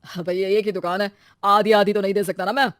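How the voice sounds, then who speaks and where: A woman's voice: mid-range voice, flat delivery, brisk, fairly bright tone, dry recording, clean studio sound, natural voice. Woman doing a curt male shopkeeper. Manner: blunt, matter-of-fact. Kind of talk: cartoon story voice acting.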